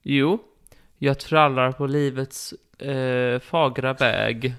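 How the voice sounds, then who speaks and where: A man's voice: medium pitch, steady tone, a bit bright, clean tone. A man co-hosting a podcast in casual chat, dry and a bit hesitant. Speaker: podcast co-host.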